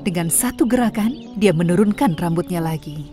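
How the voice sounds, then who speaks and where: A woman's voice: lowish voice, lively intonation, normal speed, warm tone. Woman narrating a cartoon fairy tale. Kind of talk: scripted storybook narration. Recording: studio voice-over with music bed.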